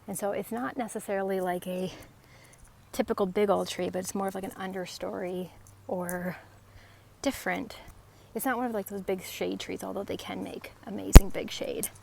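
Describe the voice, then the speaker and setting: A woman talking casually as she walks outside, explaining things in short, halting, conversational phrases. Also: medium pitch, fairly even intonation, creaky, darkish tone. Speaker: host of an outdoor tree identification vlog. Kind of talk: casual talk to camera while out walking. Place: outdoors along a residential street on a walk. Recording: faint outdoor background noise.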